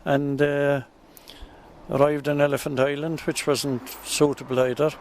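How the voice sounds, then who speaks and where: An Irish man from Kerry with a Kerry accent, talking in a halting way with many ums and restarts in a casual interview outdoors by a river. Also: fairly high pitch, flat delivery, darkish tone, a little hiss or hum. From Tralee, County Kerry, Ireland. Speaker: local interviewee. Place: outdoors beside a river in a village.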